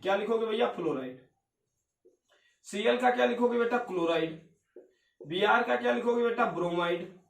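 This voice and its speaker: A male chemistry teacher lecturing a class, firing questions at his students and answering them himself, calling them beta and bhaiya. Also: very high-pitched. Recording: echoey room, voice from far off.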